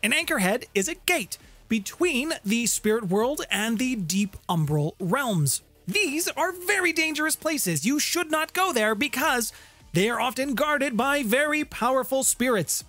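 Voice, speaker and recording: A very high-pitched, bright, forceful voice, animated yet unhurried, belongs to a middle-aged man presenting a scripted game-lore explainer on his tabletop lore channel with playful, theatrical emphasis. He records indoors among guitars on a close studio condenser mic with a pop filter, with no room sound and background music.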